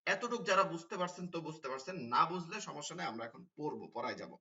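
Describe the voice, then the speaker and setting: A man teaching an online Quran pronunciation class, spelling out Arabic letters slowly and drawing out each sound. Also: on the high side, very animated, pushed and bright, distant mic, muffled recording.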